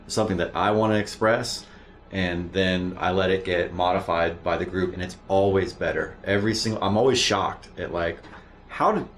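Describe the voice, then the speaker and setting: A man's voice: low voice, slight background noise. A man from Florida, a band member guesting on a radio show, talking enthusiastically in long run-on thoughts. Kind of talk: casual radio interview. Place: radio studio.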